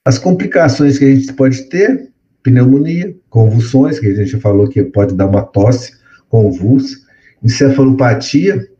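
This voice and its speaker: A man's voice: medium pitch, unhurried, warm tone. Man lecturing, dull lo-fi recording. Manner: explanatory, repeats words for effect, frequent tag questions. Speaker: medical lecturer. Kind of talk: classroom lecture.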